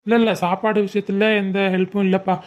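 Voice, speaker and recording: A man playing a calm, grateful elder relative who runs a restaurant, in a family web series. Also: high voice, fast talker, natural voice. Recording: muffled lo-fi recording.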